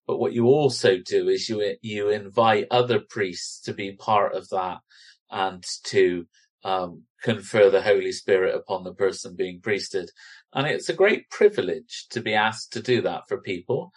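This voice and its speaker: A man's voice: lowish voice, unhurried, breathy edge. A man with a Bristolian accent, chatting casually and teasingly as a podcast host.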